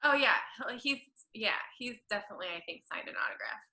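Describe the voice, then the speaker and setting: A woman's voice: medium pitch, wildly swooping pitch, fast, sharp tone, roomy sound, poor audio. A woman, a guest telling a long story in a chatty, rambling way and correcting herself as she goes. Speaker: podcast guest, florist and creative director. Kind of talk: casual storytelling interview.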